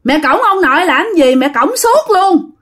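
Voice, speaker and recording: A woman's voice: sing-song, unhurried, a bit bright, heavily acted. A woman voicing a blunt six-year-old child with a Southern Vietnamese accent, who repeats the same point over and over. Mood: insistent. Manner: high, pleading, repeating itself.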